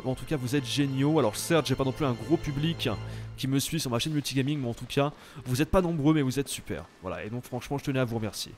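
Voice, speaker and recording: A young French man giving casual, animated commentary while playing a video game, exclaiming at the action. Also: medium pitch. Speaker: let's play host.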